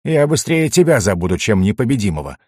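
A man voicing a gruff, irritable male rogue who grumbles and hisses. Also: on the low side, very animated, fast talker, a little mellow, dry recording, studio quality. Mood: grumbling.

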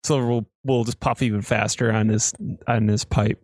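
A man's voice: fairly low pitch, fairly even intonation, normal speed, vocal fry, a little mellow, no echo, studio quality. Exasperated man ranting at a game table. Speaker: player.

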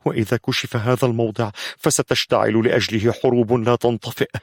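A man's voice: medium pitch, steady tone, fast talker, dry recording, studio quality, close to an everyday voice. A man voicing an anxious young captive who stammers as he explains. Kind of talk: audiobook narration.

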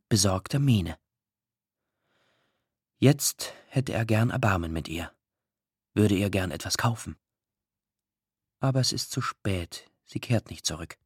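A man reading a literary story aloud, expressive and emotional, with drawn-out pauses. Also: mid-range voice, breathy edge, no room sound, clean studio sound. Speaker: audiobook narrator. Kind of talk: scripted literary narration.

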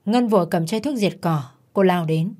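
A woman narrating a dark story in a tense, dramatic manner. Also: fairly low pitch, normal speed.

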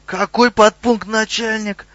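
A man's voice: sits high, normal speed, fairly bright tone, no room sound, dull audio. A man voicing a nervous male troll leader who grumbles and wheedles. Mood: frightened. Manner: frightened, grumbling.

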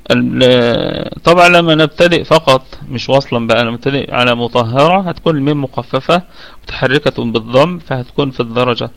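This is a man with an Egyptian Arabic accent leading an online tajweed lesson. His voice has a gravelly, creaky texture and sits at an ordinary middle pitch. He teaches in a slow, explanatory way and often repeats words aloud as models for his students. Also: fairly bright tone. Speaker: Quran recitation teacher. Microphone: online voice chat.

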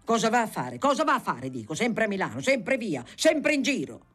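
A reader voicing an irritable, agitated male politician who bursts out in angry, exasperated shouts. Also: medium pitch, animated, normal speed, faint music behind, close to an everyday voice. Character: irritable, agitated communist deputy, grown man.

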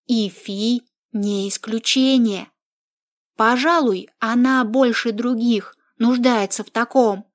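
A woman voicing a bossy, confident young woman who lectures her friends emphatically, in a slow audiobook reading. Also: fairly high pitch, fairly even intonation. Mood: assertive.

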